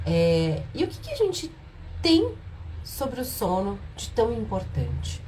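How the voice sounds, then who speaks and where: A woman with a cold speaks in a hoarse, nasal voice, softer and lower than usual, as she hosts a live stream explaining a health topic. She asks her viewers rhetorical questions. The audio is poor, with slight background noise.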